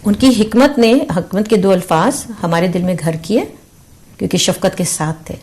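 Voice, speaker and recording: A woman's voice: lowish voice, expressive, darkish tone. An earnest woman guest reflecting in conversation. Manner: earnest and reflective, mixes English words into Urdu. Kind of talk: casual chat.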